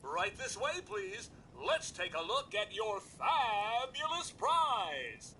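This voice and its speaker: Game show host robot. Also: male voice, sing-song, slow pace, bright, forceful tone, slight background noise, heavily acted. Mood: showy, gleeful. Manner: showy game show patter, exclamatory sales pitch. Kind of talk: video game dialogue.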